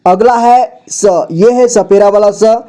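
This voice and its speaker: High-voiced man slowly drilling syllables. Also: steady tone, dark tone. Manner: repeats each syllable twice, with brief explanations between drills. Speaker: Hindi teacher.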